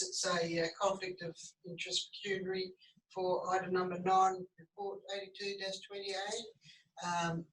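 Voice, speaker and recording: A woman's voice: on the low side, fairly bright tone. A woman councillor speaking plainly at a council meeting, opening with a prayer. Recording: echoey room from a distance.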